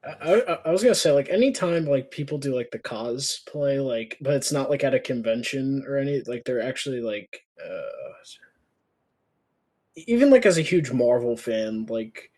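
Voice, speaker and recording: A man's voice: mid-range voice, lively intonation, normal speed, darkish tone. A young man talks loosely as a podcast co-host. He rambles, stacks up fillers and restarts his sentences before landing a point. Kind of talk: casual chat.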